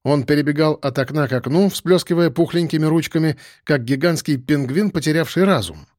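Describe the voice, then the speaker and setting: A man reading a novel aloud as narrator, in an expressive manner. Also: a little high, fairly quick, no room sound, clean studio sound. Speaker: audiobook narrator. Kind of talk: scripted narration.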